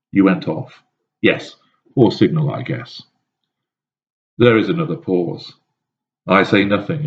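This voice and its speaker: Man narrating, very deep voice, cold measured delivery, muffled lo-fi recording. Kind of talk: scripted first-person narration. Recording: dull lo-fi recording.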